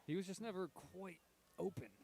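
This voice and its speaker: A man's voice: high-pitched, normal speed, darkish tone. Analytical male color commentator. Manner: thoughtful, analytical, hedges his calls. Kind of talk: local high school football commentary.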